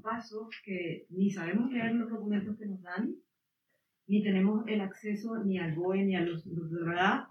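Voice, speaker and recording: At a public debate, an audience member whose first language is Guaraní asks a long, wandering question, searching for words as she speaks. Her voice is medium-pitched, with a little hiss or hum. The audio sounds distant, echoey and phone-like.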